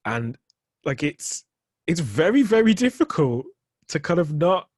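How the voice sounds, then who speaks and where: A man's voice: on the high side, big pitch swings, unhurried, darkish tone, breathy edge, dry recording, studio quality. A young man with a light Birmingham accent, chatting casually as a poet guest. He laughs often and talks loosely, with many restarts. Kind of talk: casual conversation.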